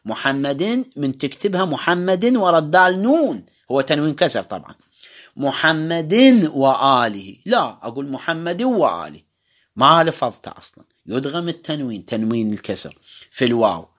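Iraqi man teaching, lively pitch. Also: fairly quick. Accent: Iraqi Arabic. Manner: explanatory, demonstrates pronunciation by drawing out words. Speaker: religious teacher. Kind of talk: lecture on Quran recitation rules.

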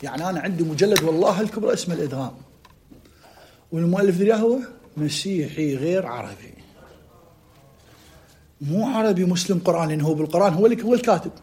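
A man with an Iraqi Arabic accent teaching a classroom lesson, dictating slowly with drawn-out words and quizzing his students. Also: high voice, animated, mellow.

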